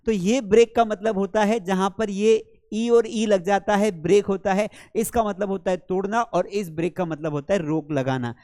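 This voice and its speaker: A man teaching English vocabulary in a lesson, calling students beta and reading English example sentences slowly. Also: high-pitched, darkish tone, dry recording, studio quality. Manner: calls listeners beta, slows right down for English example sentences. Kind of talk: classroom lesson explaining words.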